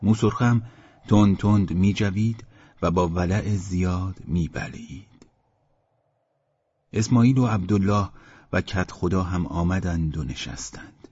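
Husky low-voiced male audiobook narrator. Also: darkish tone, no echo. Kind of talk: scripted literary narration. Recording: dull lo-fi audiobook recording.

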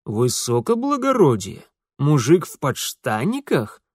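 A man voicing a gruff, threatening provincial police chief who barks orders. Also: on the high side, expressive, unhurried, mellow, dry recording, studio quality. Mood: mocking. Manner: barking, threatening.

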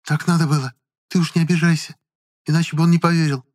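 A man reading an audiobook, voicing a brusque young woman who talks in a sharp, hushed, snappish way. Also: on the high side, flat delivery, fast talker, pitched above the performer's own voice, close to an everyday voice. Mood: hushed urgent.

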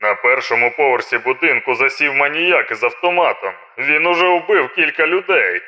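A man's voice: mid-range voice, expressive, normal speed, sharp tone. A man voicing a stern male police commander barking orders through a megaphone, in an audiobook narration. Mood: commanding. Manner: barked commands. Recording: dull megaphone sound.

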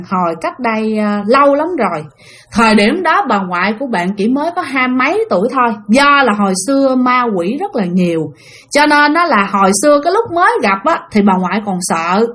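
A woman's voice: fairly high pitch, a bit bright. Chatty woman storyteller. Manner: chatty, addresses listeners directly. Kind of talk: narrating ghost stories to listeners.

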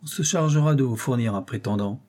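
A man's voice: mid-range voice, a little fast, a little mellow, natural voice. A man reading an audiobook, voicing an enraged, guilt-torn aristocratic count who speaks with vehement, bitter anguish. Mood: furious.

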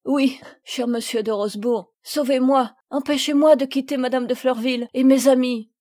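A woman's voice: fairly high pitch, normal speed, warm tone, no echo, studio quality, natural voice. Woman doing a tearful little girl. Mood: pleading. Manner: pleading, tearful. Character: nine-year-old girl, timid and tearful.

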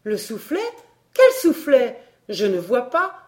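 A woman's voice: on the high side, very animated, slow, darkish tone. A timid young apprentice boy, anxious and hesitant, as a woman reader voices him. His lines come unsure and nervous. He sounds out of his depth. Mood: frightened.

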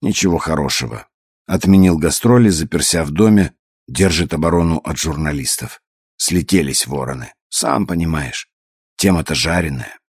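A man reading an audiobook, voicing a brisk, caring young woman who teases and reassures. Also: very deep voice, lively intonation, a little mellow, slightly rough, dry recording, clean studio sound, full character voice. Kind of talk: audiobook character voice.

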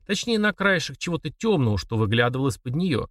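A man narrating a crime thriller audiobook in a steady, measured storytelling style. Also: medium pitch, no room sound, studio quality, recorded from a distance. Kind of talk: scripted narration.

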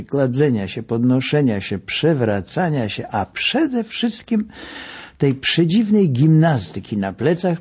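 An older man reading his memoir aloud, wry and unhurried in his storytelling. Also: medium pitch, a little mellow. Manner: wry, slow, gravelly storytelling. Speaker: memoir narrator. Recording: dull lo-fi recording.

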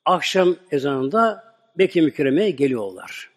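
A man's voice: a little high, very animated, unhurried, in a large hall. A man preacher retelling a religious story in a conversational sermon, often repeating a filler word as he goes. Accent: Turkish. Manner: conversational, repeats "böyle", addresses listeners as "muhteremler".

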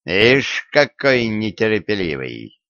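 A man voicing a stern, mocking old Russian tsar in an audiobook, talking in a gruff, dismissive way. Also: on the low side, big pitch swings, slow, fairly bright tone, no room sound, heavily acted. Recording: dull, dry lo-fi recording.

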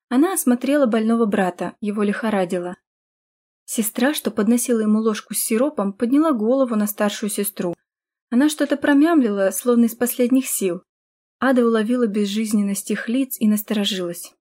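A woman reading a fantasy audiobook in steady, scripted storytelling narration. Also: fairly high pitch, brisk.

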